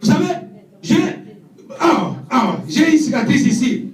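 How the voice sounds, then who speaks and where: A man preaching a sermon, shouting with passion and dropping low for asides. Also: very animated, a little slow. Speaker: evangelist preacher. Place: church hall. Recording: echoey church from far off.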